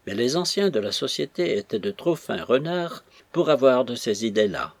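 Husky man reading a novel aloud. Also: medium pitch, no room sound. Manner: steady, measured literary reading. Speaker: audiobook reader. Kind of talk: scripted narration of a classic novel.

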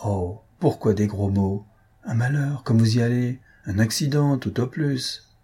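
A man's voice: mid-range voice, a little slow, dark tone, slightly rough. Man doing a poised, amused young countess. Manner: light, amused, unruffled.

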